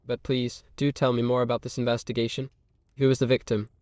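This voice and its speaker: A man's voice: medium pitch, level tone, a little fast, darkish tone, no echo, studio quality, close to an everyday voice. A man voicing a polite, nosy collector of oddities as a game character, speaking formally and asking many questions. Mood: courteous.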